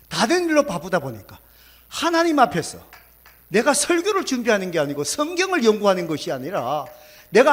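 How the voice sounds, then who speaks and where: A male pastor, preaching a sermon, swinging between loud exclamations and hushed whispers. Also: very high voice.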